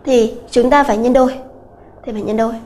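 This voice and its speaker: High-voiced woman teaching grammar. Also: steady tone, darkish tone, a little hiss or hum. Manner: slow, repetitive explaining with many filler "à" sounds. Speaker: English teacher. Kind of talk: exam-prep grammar lesson.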